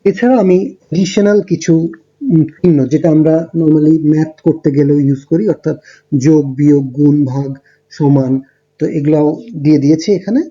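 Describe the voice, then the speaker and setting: A man teaches a beginner language lesson over slides, walking through each point step by step with little ums and pauses. His voice is very dark and mellow, pitched a touch high for a man. The recording sounds dull and lo-fi. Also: steady tone. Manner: explains step by step with fillers.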